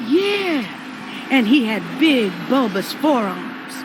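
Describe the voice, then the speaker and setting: A woman's voice: high-pitched, very animated, slow, noisy background, heavily acted. A woman playing a sassy, blunt, grudge-holding ghost of an older mother in a cartoon video game. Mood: vengeful.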